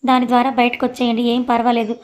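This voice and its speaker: A bossy young woman in charge, quick to scold and give orders, voiced by a woman narrator. Her voice sits fairly high, and its pitch barely moves. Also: completely flat delivery, darkish tone, close to an everyday voice. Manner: commanding and scolding. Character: bossy, sharp-tongued young woman boss. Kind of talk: audiobook story narration.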